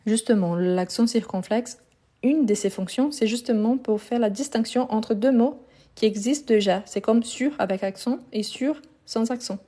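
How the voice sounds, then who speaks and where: A woman teaching a live online lesson on her phone, slowly repeating each verb and confirming her students' answers with patient approval. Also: fairly high pitch, dark tone. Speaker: French teacher.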